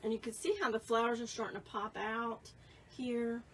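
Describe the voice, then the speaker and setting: A woman's voice: on the high side, little pitch movement, normal speed, recorded from a distance, a little hiss or hum, rough recording. Chatty woman in her fifties teaching painting. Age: 50s. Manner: casual, chatty, reads viewer comments. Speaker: painting instructor. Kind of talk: live painting tutorial.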